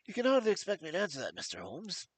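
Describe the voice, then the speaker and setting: A man's voice: high-pitched, huge pitch swings, fast talker, dry recording, voice pushed up, exaggerated voice. A man reading a story aloud, voicing a frightened, jittery, fat older man who stammers in a breaking voice. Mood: nervous. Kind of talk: audiobook character voice.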